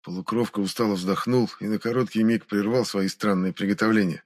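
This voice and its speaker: A man giving scripted narration of a fantasy audiobook in a measured, steady reading. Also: fairly low pitch.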